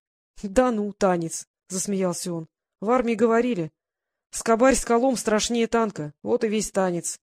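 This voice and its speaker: An audiobook reader voicing a protective young man who is gruff and worried, in a dry, close recording. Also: mid-range voice, moderate pace, a little mellow, dry recording, natural voice.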